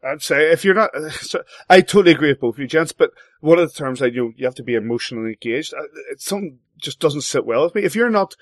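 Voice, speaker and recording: A host leads a hockey chat with an animated delivery, his pitch jumping on key words. His voice sits a little high. The recording is dry and close. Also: quick pace, dry recording. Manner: animated, swoops up in pitch when stressing points. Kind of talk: casual sports chat.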